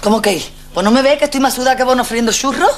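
A middle-aged actress playing a brash, bossy, quick-tempered working-class mother in a sitcom. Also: on the high side, slight background noise, close to an everyday voice. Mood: complaining. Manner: bossy, scolding, loud and blunt. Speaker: mother of the family. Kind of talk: sitcom acting.

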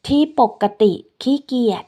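A woman telling a first-person story in a gentle, unhurried way.

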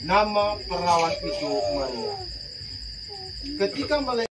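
Middle-aged papuan priest giving a sermon outdoors at night, loud crickets all around, camera far off. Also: male voice, high voice, a little slow. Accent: Papuan Indonesian. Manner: lively, asks the congregation questions. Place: outdoor open-sided tent at night. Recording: loud insect noise from far off.

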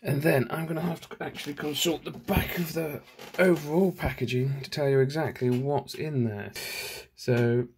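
A man with a voice on the high side, darkish in tone and fairly even in intonation, talks at a moderate pace amid slight background noise. He's a channel host casually unboxing at home, thinking aloud and correcting himself, phone camera held in one hand.

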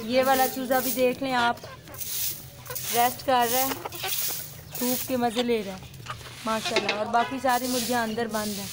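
A young woman with a fairly high voice and little pitch movement explains a home recipe one step at a time, chatting casually and often giving religious blessings. She talks at a normal speed with long pauses, recorded on a phone outdoors at home.

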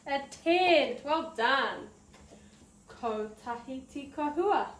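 With a high voice and a New Zealand accent, a woman hosts story time in a preschool room, speaking slowly and animatedly so the little ones can follow and participate. Her style is encouraging and sing-song, with words pulled long. Recorded far from the microphone, the audio is roomy with noise underneath.

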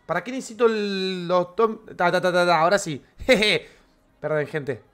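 Argentine man, lively gaming streamer, high pitched voice, slangy and chatty. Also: moderate pace, smooth. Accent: Argentine Spanish. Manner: energetic, slangy, chatty with viewers. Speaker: game streamer. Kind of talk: live game stream chat.

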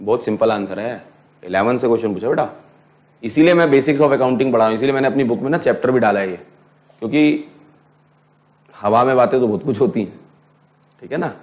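A middle-aged man with an Indian English accent teaching an accounting class, mixing Hindi and English, putting questions to students and slowly dictating definitions. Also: medium pitch, darkish tone. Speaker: accounting lecturer. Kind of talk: classroom lecture.

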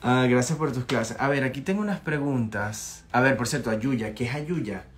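A young man from Venezuela teaching English in a casual live-streamed lesson, chatty and encouraging, often checking in with his students and repeating phrases slowly for practice. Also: medium pitch.

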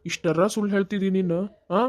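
A calm, fair-minded son and husband from a cartoon story, voiced by a woman. He scolds firmly in a warm, dark tone. He talks at a brisk pace. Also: medium pitch, natural voice. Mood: reproachful. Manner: firm, reproachful.

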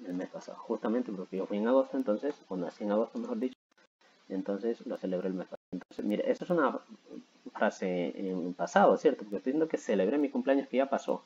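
Low, mellow-voiced man teaching grammar. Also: quick pace, dull audio, slight background noise. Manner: patient, repeats himself with many "¿sí?" and "¿no?" check-ins. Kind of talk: explaining grammar to school students.

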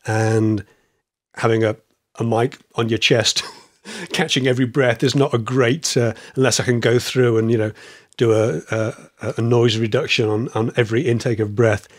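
Casting: male podcast host, a bit wheezy and croaky, rambling casual talk, very dry close sound. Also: medium pitch, steady tone, moderate pace, no echo. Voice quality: slightly wheezy, a little croaky. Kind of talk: casual chat.

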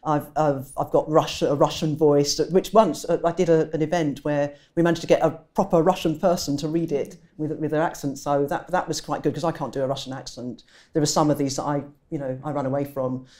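A woman's voice: sits low, steady tone, a little fast, a little mellow. A woman with an English accent, a poet talking thoughtfully in an interview and often correcting herself as she goes. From England. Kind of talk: conversational interview.

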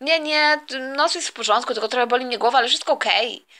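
Woman playing a cheeky skater boy, high bright voice, defiant and restless. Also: quick pace. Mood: defensive. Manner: defiant, then panicky. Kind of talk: toy play-acting.

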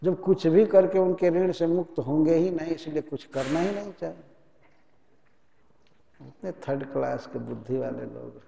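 A man giving a devotional sermon as a spiritual teacher, telling stories in a lively, chiding way. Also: a little high, normal speed, gravelly, dull audio, a little hiss or hum. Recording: echoey hall.

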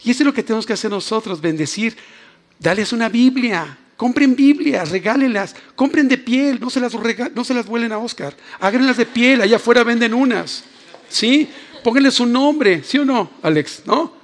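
A high-pitched man delivers an animated sermon to a church audience. He swings between tender, emotional passages and playful jokes, addressing listeners directly. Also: normal speed. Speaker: preacher. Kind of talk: lively sermon. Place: church hall.

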